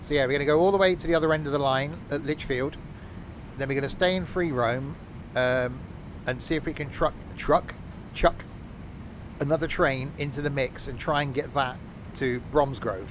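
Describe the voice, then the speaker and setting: A man in the middle of his range, talking loosely and sarcastically as he streams a train game. Faint engine and track sounds sit quietly behind his voice. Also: medium pitch, normal speed, background noise. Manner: chatty, self-mocking sarcastic asides. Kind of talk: live game stream commentary.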